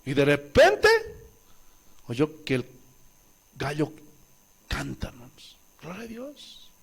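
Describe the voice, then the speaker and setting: Animated male preacher with a lively high voice. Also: slow, gravelly, breathy edge. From Bolivia. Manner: animated preaching, acts out voices, asks the congregation questions. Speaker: pastor. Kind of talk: sermon.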